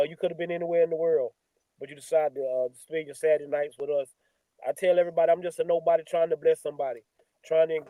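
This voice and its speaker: Male host, folksy preacher cadence, mellow dark tone, dry close sound. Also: on the high side, dry recording, low-quality recording. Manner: folksy, repeats phrases like a preacher. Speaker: show host. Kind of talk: closing sign-off, preachy and uplifting.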